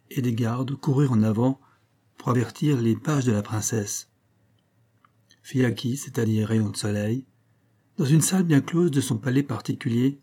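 Brief: male narrator for a tale, measured and expressive, warm husky timbre. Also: mid-range voice. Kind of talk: audiobook reading of a tale.

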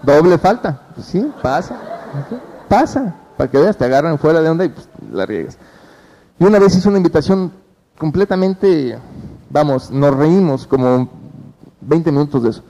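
Lively Mexican man giving a motivational training. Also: a little high, normal speed, poor audio. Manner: animated storytelling, addresses the audience directly and acts out phone calls. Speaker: business opportunity trainer.

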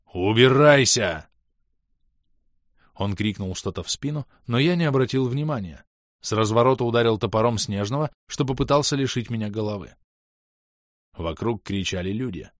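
A man's voice: lowish voice, dry recording, clean studio sound. A man narrating a first-person fantasy audiobook in a tense, dramatic way.

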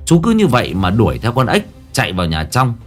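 A man's voice: medium pitch, huge pitch swings, fast talker, faint music behind. A man narrating a Vietnamese ghost story in the first person, telling it in a dramatic way.

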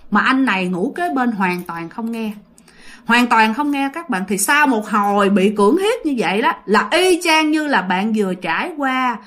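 A woman tells a ghost story in a loose, conversational way. She repeats herself and keeps turning to her listeners. Her voice sits fairly high and moves a great deal. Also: fairly bright tone. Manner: chatty, repetitive, addresses listeners directly. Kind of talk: casual ghost story narration.

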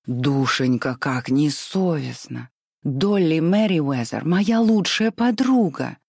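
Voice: mid-range voice, animated, slow pace, gravelly, a little mellow, dry recording, clean studio sound, full character voice. A reader voicing a fussy, easily tearful elderly aunt who scolds in a fluttery way. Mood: shocked. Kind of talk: audiobook reading.

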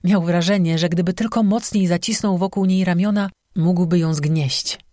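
A man narrating a fantasy audiobook in a measured storytelling manner. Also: high voice, fairly even intonation, dark tone, no room sound, clean studio sound. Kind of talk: scripted narration.

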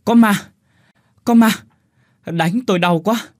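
A man's voice: sits high, slow pace, a little mellow, no room sound, clean studio sound, pitched above the performer's own voice. A man voicing a frightened young man who cries out in fear in a story reading. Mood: panicked. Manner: crying out in fear.

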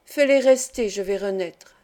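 A woman's voice: medium pitch, unhurried, a little mellow, close to an everyday voice. A woman reading the lines of a dying old nobleman, frail and domineering, who speaks in a weak, muffled, grumbling voice.

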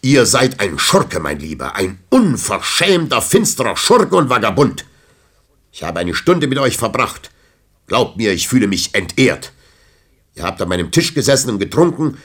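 A man's voice: low-pitched, pitched above the performer's own voice, heavily acted. A man voicing a stern old nobleman who lectures in a solemn, sermonizing way in an audiobook.

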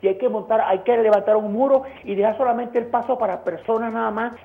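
A woman's voice: fairly high pitch, steady tone, fast talker, creaky. Faint woman caller, phone held away. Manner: stumbling, opinionated and indignant. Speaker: radio call-in caller. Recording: dull, faint phone line.

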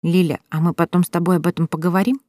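A woman's voice: lowish voice, level tone, very fast, mellow, no echo, studio quality, natural voice. A woman voicing a curious little boy in an audiobook, asking earnest, eager questions.

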